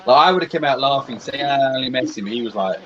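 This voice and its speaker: An animated man reacts to a horror film with a co-host, his pitch swinging widely as he retells scenes. His voice sits in a middle register. The recording sounds a little muffled. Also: fairly quick, a little hiss or hum. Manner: animated, storytelling, swears casually. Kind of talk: casual reaction chat.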